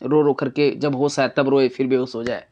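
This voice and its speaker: A woman's voice: very deep voice, steady tone, normal speed, darkish tone, highs cut off, slight background noise. A woman teacher explaining a poem line by line, using everyday examples and asking her students rhetorical questions. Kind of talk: poetry lesson explanation.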